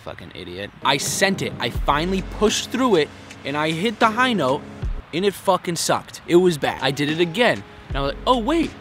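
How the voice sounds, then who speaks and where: Soft background music accompanies a young man with a fairly high, fairly bright voice, very animated at a moderate pace. Vlogging to camera in a city park, he's blunt, crude and self-mocking, swearing constantly.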